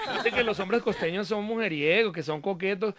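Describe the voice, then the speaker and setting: A man's voice: sits high, a little fast, a bit bright. A man hosting a radio interview, asking chatty, teasing questions. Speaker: radio host.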